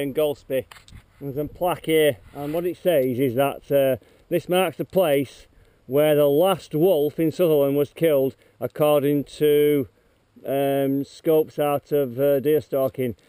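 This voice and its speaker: A man's voice: fairly high pitch, warm tone, no room sound. A man on his bike giving a chatty, upbeat running commentary into a handheld camera on open coastal roads. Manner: chatty, upbeat, pointing out places along the way. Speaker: cyclist vlogger. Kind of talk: casual running commentary while riding. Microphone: handheld action camera. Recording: wind noise on an outdoor camera mic.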